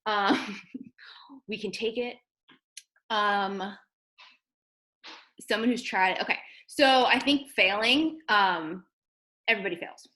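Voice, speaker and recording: A woman's voice: medium pitch, slow pace, long pauses, sharp tone, low-quality recording. A woman from New Jersey hosting a video call as a fitness team leader, chatty and encouraging in a casual motivational talk.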